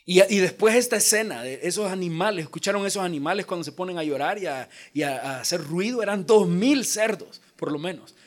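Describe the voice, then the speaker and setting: A pastor from El Salvador preaching a lively sermon, joking and acting out the voices in the story. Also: male voice, high-pitched, fairly quick, hardly any pauses. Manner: animated preaching with jokes and acted-out voices.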